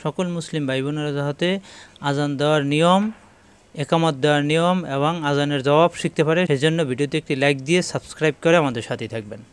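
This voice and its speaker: A man teaching an online Quran lesson, spelling words letter by letter and chanting slow examples. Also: fairly high pitch, clean tone. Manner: chants the call to prayer slowly in demonstration.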